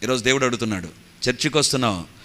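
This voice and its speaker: Guy preaching a sermon, bright forceful voice, gets loud and lively when telling stories. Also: mid-range voice, very fast. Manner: animated storytelling, rising to loud exclaims; mixes English phrases into Telugu. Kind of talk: Telugu sermon.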